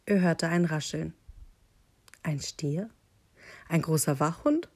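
A woman reading a children's picture book aloud, with calm, deliberate storytelling. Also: sits low, slightly rough.

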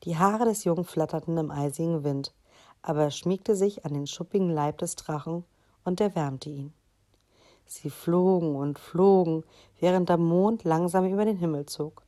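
A woman reading a children's story aloud in a soft, unhurried way. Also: lowish voice.

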